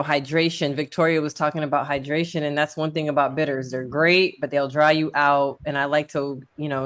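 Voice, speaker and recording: A woman herbalist hosting a casual group chat, talking with folksy enthusiasm and calling everyone y'all. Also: deep voice. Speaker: herbalist host.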